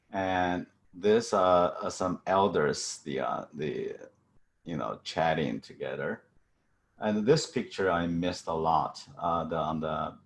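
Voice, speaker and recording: A middle-aged man from China with a Chinese accent, giving a halting seminar talk over a video call with many fillers and restarts. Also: sits low. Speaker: guest speaker.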